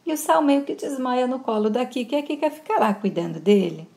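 A woman's voice: sits high, brisk, gravelly. A Brazilian woman with a Brazilian Portuguese accent, casually retelling a soap opera episode and acting out the characters' lines with feeling. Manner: animated, voices characters' lines with emotion. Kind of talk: casual storytelling recap with acted quotes.

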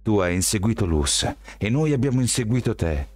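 A man's voice: on the low side, sing-song, moderate pace, darkish tone, no echo, pitched above the performer's own voice. A man voicing a nervous, jumpy teenage boy who sounds defensive and unsure, in an audiobook reading.

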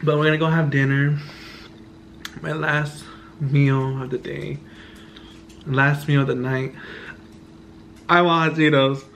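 A man's voice: a little high, level tone, slow pace, pauses often, a bit bright. A young man talking casually and playfully to a vlog camera, full of slang and campy asides. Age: young adult. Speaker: vlogger. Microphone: camera at arm's length or on counter. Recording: faint room and car noise.

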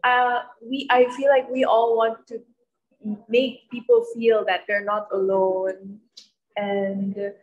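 A young woman with a slightly high voice answers earnestly on a press panel, moving between English and Tagalog. The sound is a little dull, with the top end rolled off. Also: level tone, slow pace. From Philippines. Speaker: singer at press conference. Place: indoor press event, panel at a table. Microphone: handheld mic.

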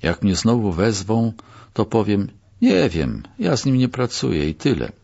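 A man's voice: on the low side, big pitch swings, unhurried, creaky, a little mellow, husky, dull audio, heavily acted. A man voicing a talkative, guilty male prisoner who speaks plainly and apologetically. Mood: sheepish.

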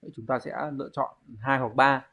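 A man's voice: medium pitch, fairly even intonation, fairly quick, gravelly, a bit bright, breathy edge. A man teaching an online exam-prep language lesson, explaining step by step and posing rhetorical questions to his students.

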